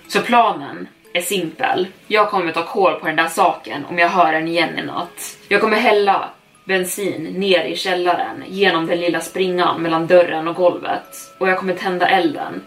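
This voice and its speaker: A woman's voice: on the low side, a bit bright, distant mic, poor audio. Woman as a frightened, manic young sister. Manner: tense, anxious and manic. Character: frightened, worn-out young woman, turning desperate.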